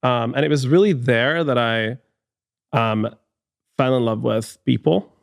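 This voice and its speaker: This HR executive, a man in his thirties with a Hungarian accent, is guesting on a studio podcast interview. He talks a little slowly at medium pitch with some vocal fry, and his thoughtful answers are full of restarts and filler words. There's no echo.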